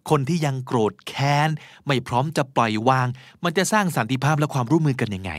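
A man's voice: mid-range voice, lively intonation, quick pace, fairly bright tone, no room sound, studio quality. A man hosting a podcast vocabulary lesson, explaining words patiently and spelling them out letter by letter. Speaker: podcast host teaching English vocabulary.

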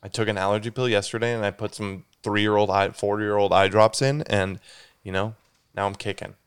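Brisk and clean-toned, this congested young podcast host talks alone in a lowish, fairly even voice. He wanders off on tangents, keeps fixing what he just said, and drops "dude" constantly.

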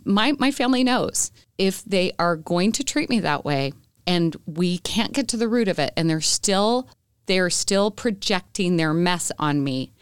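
A woman's voice: on the low side, expressive, a little slow, smooth, dry recording, studio quality. A middle-aged woman, an author guesting on a podcast, earnestly telling stories and acting out what people said. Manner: earnest, storytelling, acts out quotes. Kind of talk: podcast interview.

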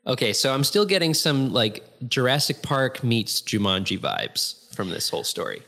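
A co-host in a relaxed podcast chat who answers with wry, dry humor and keeps a level, even delivery. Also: mid-range voice, normal speed, creaky.

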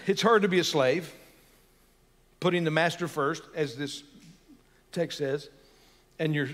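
A man's voice: fairly high pitch, a bit bright. Earnest male pastor in a reverberant hall. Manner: earnest, rises to emphatic peaks. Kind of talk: sermon.

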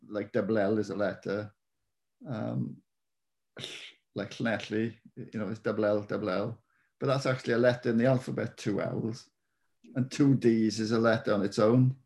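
A Welsh author being interviewed chats casually and hesitantly in a Welsh accent. His voice is fairly low-pitched, creaky and a little mellow.

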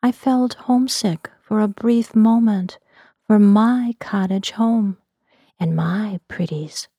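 A woman narrating a fantasy story in a soft, unvoiced whisper for ASMR. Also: medium pitch, slightly rough, no echo, clean studio sound.

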